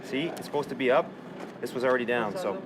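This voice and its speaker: A man's voice: mid-range voice, quick pace, noisy background. A soldier teaching hands-on, talking in a practical way while he handles equipment. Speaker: soldier instructor.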